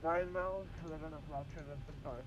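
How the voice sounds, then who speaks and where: Guy talking as a pilot over the radio, a bit high, clipped and hesitant. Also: steady tone, quick pace, muffled recording, noisy background. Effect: pilot heard over the radio. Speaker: pilot on online air traffic control.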